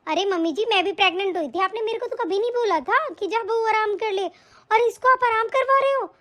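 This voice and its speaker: A woman's voice: extremely high pitch, brisk, a bit bright. A woman voicing a lazy, quarrelsome elder daughter-in-law in a cartoon story, whiny and always complaining. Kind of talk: cartoon voice acting.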